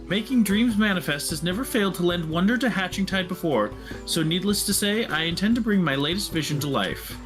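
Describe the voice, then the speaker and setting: A grand, dreamy festival organizer, as a man reads her lines speaks in a theatrical, formal storybook manner. The voice is high and lively, rising and falling with flourish. Faint game music hums behind. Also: fairly quick. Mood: grandiose. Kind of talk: reading game dialogue aloud.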